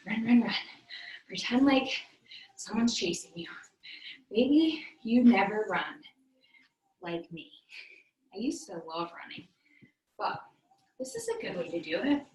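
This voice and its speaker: Working out in a small room, this woman leads a virtual class, calling out rep countdowns and form cues in a mid-range, somewhat dark voice. The mic sits at a distance, so there's roomy echo and a bit of faint noise.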